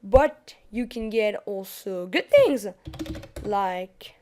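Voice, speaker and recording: In casual gameplay commentary, a young French-accented YouTuber talks through a card game, often beginning her sentences again. Her medium-pitched voice is expressive and darkish, with drawn-out words, and there's slight background noise.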